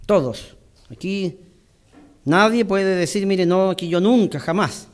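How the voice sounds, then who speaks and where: Male preacher, high voice, church sermon, reads scripture, then explains slowly with pauses. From Chile.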